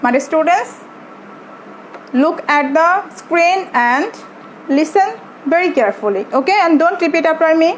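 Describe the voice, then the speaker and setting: Slow, high-voiced Bangladeshi woman teaching. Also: animated, a little hiss or hum, poor audio. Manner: slow, repeats words and asks pupils to say them with her. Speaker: primary school English teacher. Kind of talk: online classroom lesson, mixing English and Bengali.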